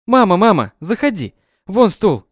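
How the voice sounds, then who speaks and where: Guy doing a shrill bossy mom, loud and theatrical, swings her voice all over, high and nagging. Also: very animated, fairly quick, no room sound, studio quality. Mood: brisk cheerful. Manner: shrill, scolding, melodramatic. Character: loud domineering middle-aged mother, theatrical.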